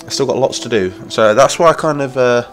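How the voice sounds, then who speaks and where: Here a man from Lincolnshire, England, talks at medium pitch and a little quickly over soft background music. Nasal from a cold, he's enthusiastic and rambling during a casual gaming stream, voicing chat messages aloud.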